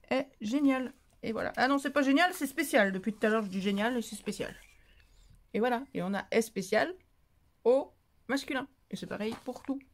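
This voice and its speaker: A woman with a fairly high voice walks through a paper-craft demonstration. Her talk is loose and chatty, full of restarts and thinking aloud, with a playful streak that slips into silly asides. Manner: chatty and rambling, thinking aloud while stamping. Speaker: paper-craft tutorial host.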